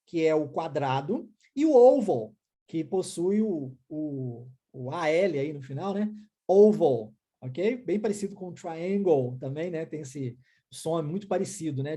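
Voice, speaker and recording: Husky Brazilian woman teaching English. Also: low-pitched, warm tone. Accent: Brazilian Portuguese. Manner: explanatory, checks in often with short tag questions. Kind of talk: online language lesson.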